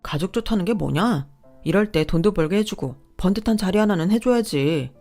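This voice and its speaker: A woman's voice: mid-range voice, lively intonation, brisk, mellow, soft background music. A woman voicing a greedy, boastful husband who whines and makes demands. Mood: smug. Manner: entitled, whining, bossy.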